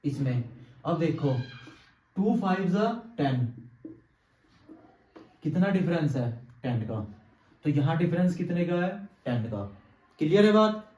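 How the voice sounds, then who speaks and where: Male chemistry teacher, highish mellow voice, asks and answers his own questions, distant muffled echoey room. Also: animated, a little slow, long pauses. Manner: quizzes students with constant checks like "clear?". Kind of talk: classroom lecture at a board. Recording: echoey room, distant mic, dull sound.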